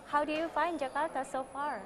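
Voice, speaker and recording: A woman's voice: high voice, fairly even intonation, brisk. A woman TV host with an Indonesian accent asking formal, short interview questions. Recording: noisy background hiss.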